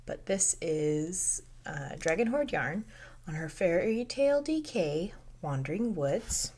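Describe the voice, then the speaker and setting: Soft-spoken, half-whispering woman host. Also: lowish voice. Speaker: knitting podcast host. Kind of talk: casual knitting video podcast. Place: home.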